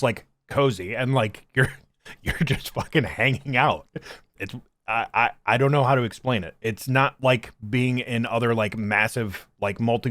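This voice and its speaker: A man giving casual reaction commentary, conversational and halting, with frequent swearing. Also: medium pitch, fairly bright tone, no room sound. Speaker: reaction streamer.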